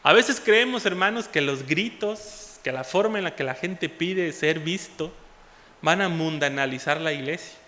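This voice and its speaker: A man with a Mexican Spanish accent preaches with fervor, his voice pitched high and bright. He swings from ringing exhortation to quiet asides. The sound carries a long church-hall reverb. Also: a little slow. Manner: impassioned, swings between loud exhortation and soft asides. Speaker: pastor. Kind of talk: sermon.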